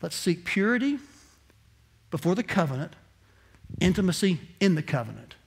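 A male pastor preaching a direct sermon in a church, moving between quiet asides and shouted emphasis. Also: sits high, very animated, normal speed, gravelly, slightly rough. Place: church sanctuary.

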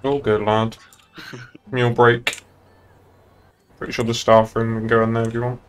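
Seated at a streaming desk in an indoor room, a young British game streamer chats casually in a laddish way on a livestream. His voice is medium-pitched and flat at a normal speed.

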